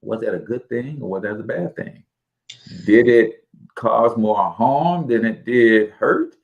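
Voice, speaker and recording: A man in his forties hosting a casual podcast, telling animated, folksy stories that lean on church sayings. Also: medium pitch, measured pace, vocal fry, narrow, tinny audio. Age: 40s. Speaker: podcast host.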